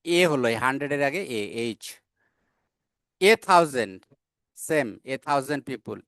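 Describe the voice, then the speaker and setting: Slow-explaining grammar teacher, dry close mic. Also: male voice, medium pitch, animated, a bit bright, no echo. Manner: explains step by step, reads English examples slowly; frequent "ah" fillers and self-corrections. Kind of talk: classroom grammar lesson.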